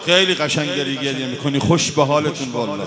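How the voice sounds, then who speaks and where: A man, a religious eulogist, tells a mourning story in turns of speech and slow wailing chant at a gathering. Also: mid-range voice. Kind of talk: mourning lament, sung and spoken. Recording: crowd noise behind the voice.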